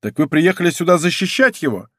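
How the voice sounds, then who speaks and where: A haughty nobleman leading armed riders, as a man reading aloud puts him on, who expects to be obeyed at once. His voice is raised and loud, with lively pitch swings. The sound is close and dry. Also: fast, no echo. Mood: commanding. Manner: commanding, haughty. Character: imperious noble leader of an ambush, used to obedience. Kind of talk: audiobook character voice.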